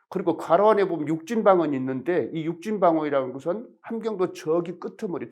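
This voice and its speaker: A middle-aged male professor, lecturing in a fairly high voice. His intonation rises and falls freely. He explains step by step and poses questions to his audience. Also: darkish tone. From Jeolla region of Korea. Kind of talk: recorded lecture.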